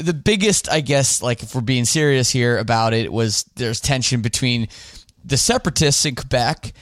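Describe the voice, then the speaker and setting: A Canadian man hosts his podcast and chats casually through listener questions, loose and rambling, backtracking often. His voice sounds smooth and resonant. The sound is close and dry, with no room around it. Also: medium pitch, no echo. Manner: relaxed, rambling with fillers and restarts. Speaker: podcast host.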